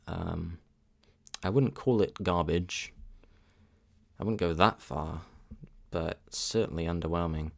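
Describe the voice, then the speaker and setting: A man with a deep, low-pitched voice talks through his thoughts on a track. He hesitates often, fills pauses with ums, restarts his sentences and weighs his opinions candidly. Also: fairly even intonation, gravelly. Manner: hesitant, many ums and restarts, thinking aloud. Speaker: music reaction channel host. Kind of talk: casual spoken music review.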